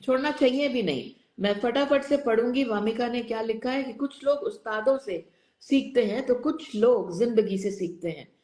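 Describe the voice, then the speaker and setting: A woman's voice: a little high, moderate pace, warm tone, roomy sound. A woman hosting a live online chat, encouraging her guests and mixing English phrases into her Hindi. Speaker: host of a live online show.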